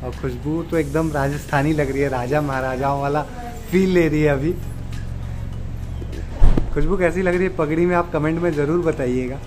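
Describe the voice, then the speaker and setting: Inside a restaurant, a young man vlogs his visit, enthusiastically telling viewers directly about the food and decor in casual narration. His voice is fairly high and steady at a moderate pace, with music playing in the background.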